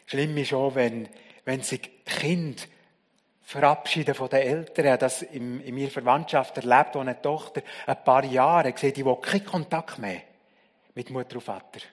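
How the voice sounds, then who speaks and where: Preacher in a reverberant church. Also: male voice, medium pitch, moderate pace. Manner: dramatic storytelling, swings between loud and hushed. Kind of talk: sermon.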